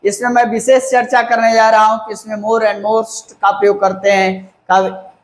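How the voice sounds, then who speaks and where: A man teaching a grammar lesson to a class. He talks slowly and repeats key words, spells them out letter by letter and keeps checking whether the class understood. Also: high-pitched, level tone. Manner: slow, repeats and spells words out, asks "clear?". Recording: echoey room.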